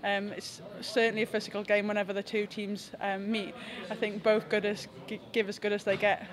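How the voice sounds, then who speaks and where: Woman rugby captain after a match, pretty flat even delivery, lots of restarts, mics shoved right up close. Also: mid-range voice, a crowd in the background. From England. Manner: reflective, halting with frequent restarts. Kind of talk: post-match press interview. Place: indoor press area after a match. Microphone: several handheld press mics close to her face.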